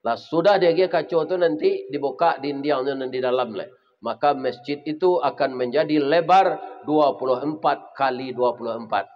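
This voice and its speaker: A man's voice: medium pitch, normal speed. A man with a Minangkabau accent preaching a sermon, talking animatedly to the congregation and often asking them rhetorical questions. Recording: dull lo-fi sound.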